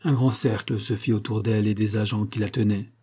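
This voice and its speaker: A man narrating a novel in a measured, dramatic reading. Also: on the low side, steady tone, dark tone, slightly rough. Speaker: audiobook narrator. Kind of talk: scripted narration.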